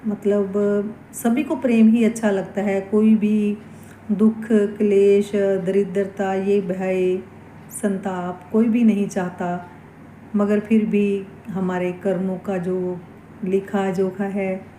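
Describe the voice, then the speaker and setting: A woman giving a slow, earnest devotional talk as a vlogger, reflecting aloud on forgiveness and faith. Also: medium pitch, little pitch movement, mellow, echoey room, slight background noise, poor audio. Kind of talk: casual spiritual talk.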